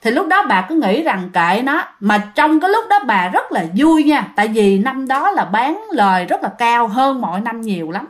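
A woman tells a ghost story in a high voice. She talks in a chatty way and often addresses her listeners directly.

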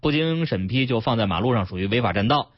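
Male radio host, animated and teasing, slightly husky. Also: medium pitch, quick pace, no room sound, highs cut off. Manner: chatty, teasing banter. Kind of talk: casual radio chat. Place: radio studio. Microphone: studio mic.

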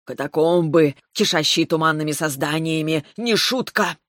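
A woman voicing a stern, commanding male dragon who scolds gruffly in an audiobook. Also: low-pitched, moderate pace, dry recording, studio quality, close to an everyday voice. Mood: angry.

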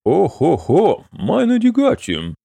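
A man voicing an old male demon innkeeper who sighs and mocks his guests in a drawn-out, amused way. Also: mid-range voice, wildly swooping pitch, dark tone, no echo, pitched above the performer's own voice. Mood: mocking.

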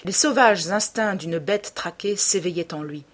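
Husky-voiced woman narrating a classic novel. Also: lowish voice. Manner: measured, dramatic reading. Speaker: audiobook narrator. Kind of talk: literary audiobook narration.

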